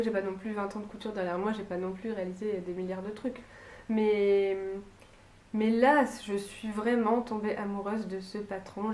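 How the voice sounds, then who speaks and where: A sewing and knitting vlogger from Lille, in northern France, chats casually to camera about her sewing projects from a room at home with a bay window. Her medium-pitched voice is a little mellow, and she sounds hesitant, full of fillers and restarts. The audio is roomy, with slight background noise.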